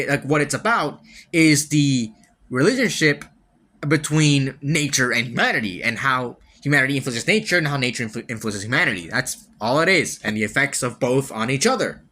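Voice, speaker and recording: A slightly high-voiced man talks through a game review on his own podcast, his pitch swinging widely as he goes. He rambles, restarts his sentences often and swears casually, with wry laughs between points. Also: pushed and bright. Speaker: podcast host.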